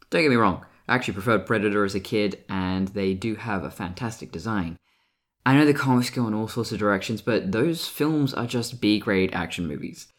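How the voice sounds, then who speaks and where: A man with a mixed English and Australian accent, delivering a scripted, analytical video essay as a film essayist. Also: on the low side. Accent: English-Australian hybrid.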